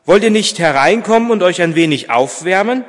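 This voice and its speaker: A man reading aloud as a kind old shoemaker, gentle and eager, with hesitant fillers, in a reverberant church. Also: mid-range voice, lively intonation, moderate pace, voice pushed up. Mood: kindly. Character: kindly old male shoemaker, warm and hopeful.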